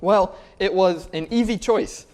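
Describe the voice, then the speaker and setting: Guy doing a snooty alien soldier for a comedy bit, kinda high voice, stilted, pompous, indignant. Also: animated, measured pace. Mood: haughty disdain. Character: pompous, indignant male alien soldier disdaining Earth people. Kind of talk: comedy sketch interview in character.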